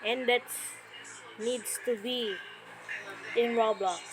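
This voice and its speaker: Slow and steady, her voice sitting on the higher side, a woman scoffs her way through a reaction video as a YouTuber. She mocks casually in slangy terms, repeats phrases for emphasis, and talks over loud music.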